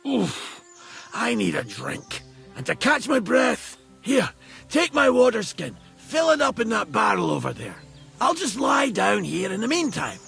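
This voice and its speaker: Hurt game woodsman, gravelly, raspy, high-pitched, lively, blunt and bossy. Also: a little slow, soft background music, full character voice. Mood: gruff. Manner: blunt, curses, barks orders. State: hurt and short of breath. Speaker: video game character.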